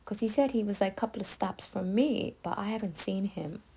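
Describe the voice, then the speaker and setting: A woman from Somalia tells stories in a casual monologue, often checking in with "yeah?" and "right?". Her mid-range voice is warm with a breathy edge, and she talks a little fast. The recording is low quality.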